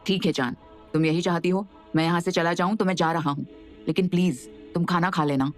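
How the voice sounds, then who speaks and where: A woman doing a tender young husband in an audio story. He talks softly and pleads patiently, never raising his voice, while faint music plays behind. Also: mid-range voice, fairly quick, close to an everyday voice. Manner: soft, gentle and pleading.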